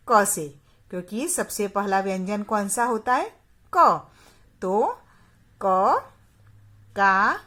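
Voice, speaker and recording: A woman's voice: medium pitch, fairly bright tone. A woman schoolteacher from Gujarat, patiently teaching young children and chanting syllables one by one. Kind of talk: slow Hindi lesson for young children.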